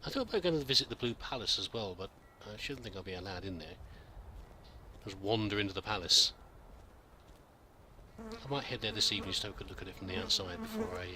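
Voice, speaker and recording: A man's voice: fairly low pitch, sing-song, quick pace, long pauses, bright, forceful tone, slight background noise. A man giving casual, rambling game commentary, musing aloud hesitantly and politely as he plays. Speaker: gamer narrating a roleplay playthrough.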